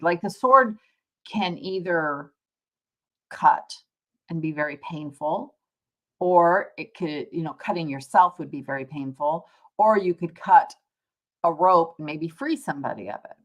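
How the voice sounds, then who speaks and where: A tarot reader on a livestream, this woman has a voice on the low side and a measured delivery. The reading is casual, and she talks to her audience in a reflective, chatty manner, rephrasing as she explains.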